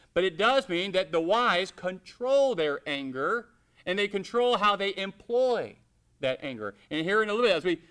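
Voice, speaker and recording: Guy preaching, kinda high voice, bright and crisp, reads verses slow and acts out little scenes. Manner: conversational preaching, quoting scripture slowly and acting out everyday scenes. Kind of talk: sermon.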